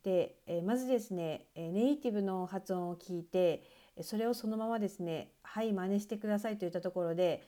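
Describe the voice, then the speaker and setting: A woman teaching English pronunciation in a patient online lesson, explaining slowly with many filler pauses. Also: medium pitch, warm tone.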